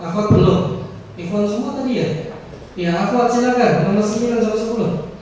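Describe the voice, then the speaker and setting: A man's voice: high voice, brisk, a little mellow. A man teaching Arabic grammar, quizzing students and repeating their answers. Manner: prompting, correcting and repeating answers. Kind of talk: classroom lesson, quizzing students. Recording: echoey hall, voice from far off.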